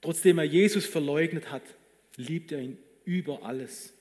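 A man's voice: fairly high pitch, normal speed. Earnest preacher man in a reverberant hall. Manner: earnest, swings between emphatic stress and hushed passages. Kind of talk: sermon with spoken prayer. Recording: long reverb of a large hall.

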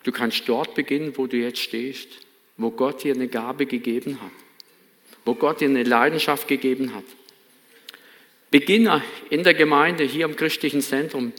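A man's voice: mid-range voice, steady tone, moderate pace, fairly bright tone. A man preaching a sermon in a church, earnest and emphatic, with a light Baden accent. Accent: Baden German. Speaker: pastor. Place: church hall. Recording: reverberant church hall.

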